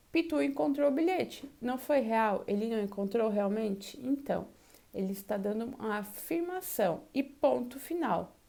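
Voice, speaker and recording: A woman teacher with a Brazilian accent giving an online language class, explaining slowly and raising her voice into questions to demonstrate intonation. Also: on the high side, darkish tone. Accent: Brazilian Portuguese. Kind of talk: online Portuguese class lesson.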